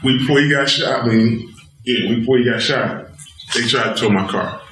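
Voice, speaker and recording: A man's voice: medium pitch, normal speed, fairly bright tone. A middle-aged father telling an emotional story in an interview, talking in slang-heavy vernacular and asking "you know what I'm saying" again and again. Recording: echoey room, distant mic.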